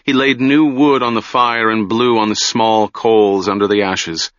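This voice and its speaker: A man narrating an audiobook in slow, deliberate storytelling. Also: on the low side, steady tone, no room sound, muffled recording.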